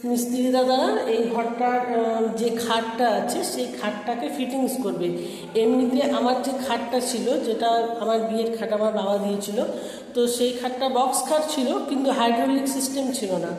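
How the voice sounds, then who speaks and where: A woman chats with her viewers in a relaxed home vlog, her mellow, slightly high voice talking straight to them. She is in a bare room of a new house, so every word rings with a big booming echo and a long tail. She stands some way off the mic. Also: distant mic. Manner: chatty, talks straight to viewers. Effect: strong echo of a half-empty room. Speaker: home vlogger. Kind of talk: casual home vlog chat. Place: bedroom of a new, half-empty house, indoors.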